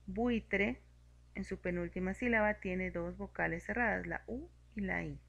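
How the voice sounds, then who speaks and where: Woman teacher going over a grammar lesson, slow and careful, bit of vocal fry. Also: medium pitch, a bit bright, lo-fi sound. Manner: slow, clear and methodical, spelling out examples.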